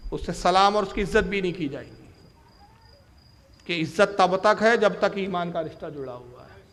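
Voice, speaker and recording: A man's voice: sits high, fairly bright tone. A man preaching a sermon in an emphatic, challenging way. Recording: echoey hall reverb.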